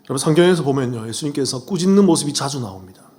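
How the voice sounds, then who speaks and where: A man preaching a sermon as pastor, asking the congregation rhetorical questions and swinging between loud, rising appeals and hushed, low asides. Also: expressive, racing. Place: church sanctuary.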